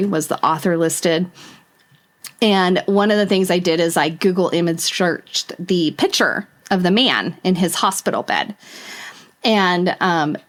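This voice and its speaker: A woman's voice: mid-range voice, a bit bright. A woman co-hosting a podcast in casual chat, laughing often as she reads out articles. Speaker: podcast co-host.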